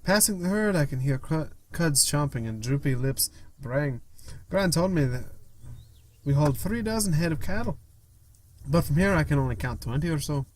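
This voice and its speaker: A man reading a story game's text aloud, expressive, with quick asides to viewers. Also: on the high side. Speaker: gaming YouTuber.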